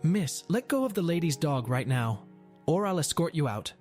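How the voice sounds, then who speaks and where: A no-nonsense male security guard gives firm orders and then calms the person he is protecting, voiced by a man telling the story. Soft music sits in the background. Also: fairly high pitch, normal speed, voice pushed up. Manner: firm, commanding.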